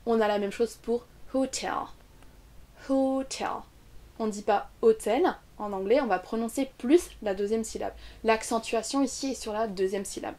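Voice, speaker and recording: Her voice sits on the high side and is a little mellow: a young French woman teaching English pronunciation online, explaining clearly and saying example words slowly.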